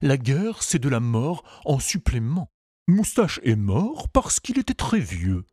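A man voicing a wise, truthful pony in a storybook reading, speaking plainly and calmly. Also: mid-range voice, slightly rough, no echo, clean studio sound, voice pushed up, full character voice. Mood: solemn. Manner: slow, calm, plain-spoken.

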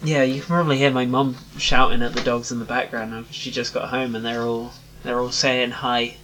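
A man's voice: medium pitch, level tone, brisk, bright, forceful tone, poor audio. Rambling man on a podcast. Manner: rambling, many ums and restarts. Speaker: podcast co-host. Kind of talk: casual chat.

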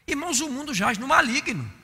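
A man preaching a sermon, impassioned, swinging from loud exclamations to quiet mock-weary asides. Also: extremely high pitch, very animated, fairly quick, gravelly. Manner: impassioned, rising to shouts and dropping to mock-weary murmurs. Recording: long hall reverb.

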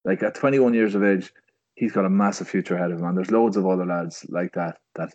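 A man's voice: deep voice, fast talker, a little mellow. A man with an Irish accent giving casual sports analysis as a podcast pundit. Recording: dry but slightly dull podcast audio.

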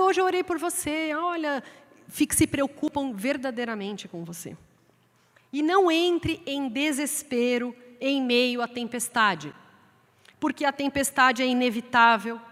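Brazilian woman preaching in a big church. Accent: Brazilian Portuguese. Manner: lively, acts out quoted voices in a raised pitch. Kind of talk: sermon. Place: church sanctuary. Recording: long hall reverb from the church sanctuary.

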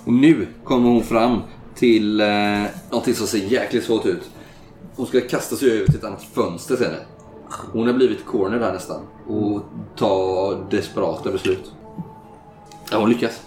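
A man running a tabletop role-playing game as game master, calmly describing a chase and ruling on dice rolls. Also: fairly low pitch, reverberant, music in the background. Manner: relaxed, describing the action step by step.

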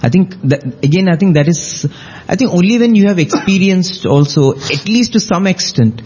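Male, fairly high pitch, mellow tone, halting reflective discussion, repeated phrases. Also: lively intonation, highs cut off, a little hiss or hum. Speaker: discussion participant.

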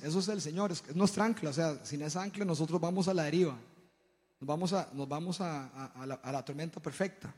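This church speaker's voice is on the high side with a darkish tone and a big-room sound. Addressing a congregation in a sermon-style testimony, he narrates animatedly, often tripping over and repeating words.

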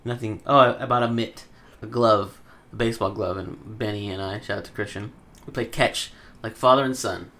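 A man's voice: on the low side, fairly even intonation, moderate pace, bright, forceful tone. A young man hosting a casual podcast, rambling and making crude jokes with friends. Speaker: podcast host.

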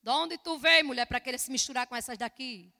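A woman preaching acts out a wary older madam who fires off blunt questions. The voice sits high and bright. It rings with a long echo through a church hall. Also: brisk, vocal fry, heavily acted. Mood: suspicious. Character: stern older woman brothel keeper, wary then warm.

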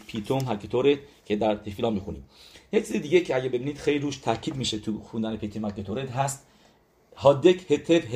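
A religious teacher delivers a lesson on the numerology of letters, speaking with emphasis, repeating key words and checking in with his audience. His male voice is medium in pitch with a darkish tone.

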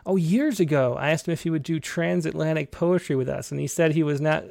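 A man's voice: on the high side, fairly quick, creaky, darkish tone, dry recording, clean studio sound. A man hosting an online poetry show in an informal, slightly hesitant way, moving between chat and reading aloud. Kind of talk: casual hosting and poem reading.

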